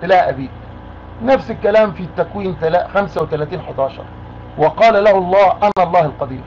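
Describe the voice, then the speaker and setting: A high-voiced Egyptian man talks fast and pushes hard, repeating his demands over and over. The call sounds muffled and lo-fi, with a faint hiss behind it. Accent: Egyptian Arabic. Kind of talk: argumentative phone call.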